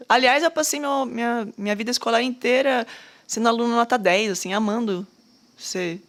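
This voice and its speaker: A woman's voice: fairly high pitch, moderate pace. A woman educator in a casual podcast conversation, talking thoughtfully with many fillers and restarts. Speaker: educator at a school.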